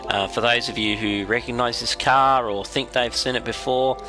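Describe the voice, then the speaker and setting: An Australian man with a raspy, congested head-cold voice, giving unhurried, casual explanations as he hosts a game livestream. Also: medium pitch, fairly even intonation, over music.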